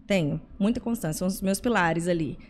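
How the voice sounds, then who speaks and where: A Brazilian woman hosting a podcast interview in a clinic room, conversational and quick to affirm with short agreements. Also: on the low side, a little hiss or hum. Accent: Brazilian Portuguese. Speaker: podcast host.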